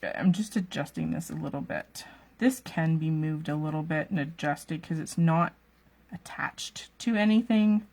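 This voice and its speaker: A woman's voice: deep voice, normal speed, darkish tone. A woman teaching card making during a live stream, chatty, laughing often and checking in with "okay?" after each step. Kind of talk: live-streamed craft demonstration.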